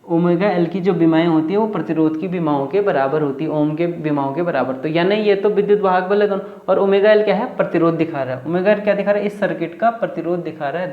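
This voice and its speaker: High-voiced man teaching physics. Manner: repetitive, asks and answers own questions. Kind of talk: whiteboard lecture. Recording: roomy, dull lo-fi classroom recording.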